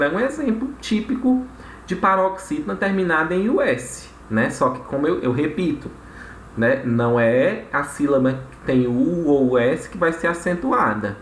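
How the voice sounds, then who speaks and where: A man teaching a recorded grammar lesson, explaining step by step and checking in with frequent tag questions. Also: fairly high pitch. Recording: echoey room with faint noise.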